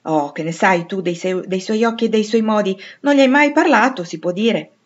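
A woman voicing a blunt, tomboyish teenage girl, brisk and emphatic. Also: on the low side, expressive, slightly rough, highs cut off. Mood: brusque.

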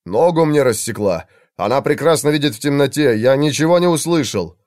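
A man's voice: mid-range voice, expressive, brisk, a little mellow, dry recording, clean studio sound, close to an everyday voice. A man voicing a sarcastic male court mage with mock-polite speech. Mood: groaning.

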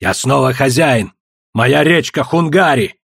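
A man doing a hoarse, brutal hulking gambler. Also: mid-range voice, animated, measured pace, fairly bright tone, dry recording, clean studio sound, heavily acted. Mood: fierce. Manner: hoarse, commanding. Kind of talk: audiobook character voice.

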